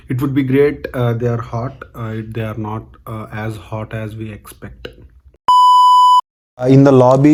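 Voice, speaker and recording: Mellow Indian man vlogging, South Indian accent. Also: medium pitch. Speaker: travel vlogger. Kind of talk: casual travel vlog narration.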